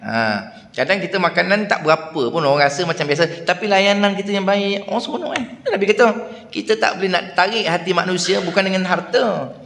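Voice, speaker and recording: A man with a Malaysian Malay accent delivers a lecture in a prayer hall, his fairly high voice ringing with a long echo. He tells stories animatedly, slipping into the voices of the characters he describes. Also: fairly quick, vocal fry, a little hiss or hum. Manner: animated storytelling, acts out voices of shopkeepers. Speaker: religious teacher. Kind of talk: mosque lecture with anecdotes.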